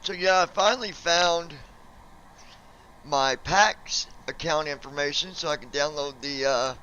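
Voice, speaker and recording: A man in casual chat with his viewers while streaming a flight simulator, laid-back and joking, slowing down to spell out codes. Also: on the high side, sharp tone, lo-fi sound, slight background noise.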